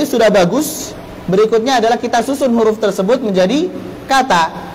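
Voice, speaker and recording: An Indonesian man with a high voice teaches a Quran recitation course, explaining by posing rhetorical questions and answering them. His instructional religious lecture includes Arabic terms and quotations, recorded roughly with slight background noise.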